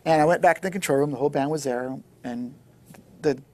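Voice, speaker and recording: A man's voice: fairly high pitch, fast. A man, a record producer, telling an anecdote in conversation and acting out what others said. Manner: lively anecdotal, acts out quoted dialogue. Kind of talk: animated storytelling in conversation.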